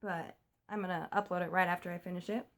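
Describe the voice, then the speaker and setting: A woman's voice: lowish voice, fairly even intonation. A young woman from the US chatting in a casual home vlog, recorded on a phone while keeping her voice down at night. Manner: chatty, talks fast, keeps voice down. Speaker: vlogger.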